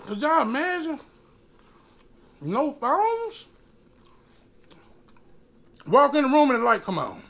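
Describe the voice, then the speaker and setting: A man, giving an emphatic, preacher-like motivational talk with dramatic pauses while chewing food. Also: very high-pitched, wildly swooping pitch, a bit bright. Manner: chewing and eating while talking. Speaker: mukbang eating-show host. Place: small indoor room.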